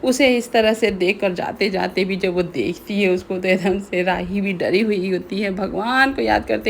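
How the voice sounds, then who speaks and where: A woman's voice: medium pitch, creaky, slight background noise. A woman casually recapping a TV serial episode, retelling scenes in a chatty way with frequent fillers.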